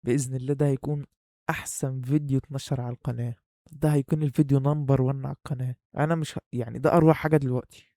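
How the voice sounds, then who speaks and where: Young Egyptian man, fast and joking. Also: mid-range voice, steady tone, dark tone, dry recording, studio quality. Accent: Egyptian Arabic. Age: young adult. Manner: joking, playful, talks straight to the viewer. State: muffled, breathing hard through a face mask. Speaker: YouTuber. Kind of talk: casual vlog talk to camera.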